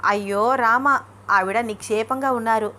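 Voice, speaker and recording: A woman's voice: on the high side, a little slow, sharp tone, a little hiss or hum. Fond storybook mother-in-law, raised voice, read by a woman. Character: warm middle-aged mother-in-law.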